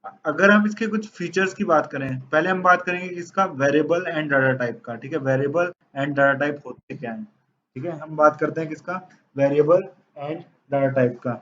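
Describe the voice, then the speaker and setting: A man's voice: a little high, moderate pace, fairly bright tone, a little hiss or hum. Man teaching code, dull lo-fi sound. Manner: repeats questions and answers them himself, mixing Hindi and English. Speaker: programming teacher. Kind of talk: classroom lecture.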